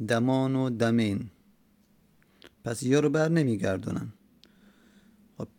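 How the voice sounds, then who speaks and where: A man explaining an Arabic grammar text in a slow, repetitive way, with many hesitations. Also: mid-range voice, vocal fry, dark tone, dry recording.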